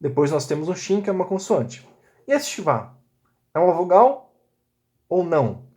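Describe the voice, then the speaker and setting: A man walks through a recorded lesson one step at a time, pausing to check in with his listeners. His voice sits a little higher than most men's, and his pace is patient and methodical. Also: big pitch swings, darkish tone. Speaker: Biblical Hebrew teacher.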